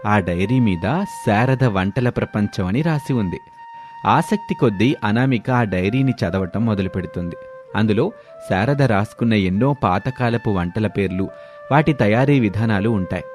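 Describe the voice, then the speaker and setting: A man narrating an animated family story in a calm, scripted manner. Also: fairly low pitch, moderate pace, faint music behind.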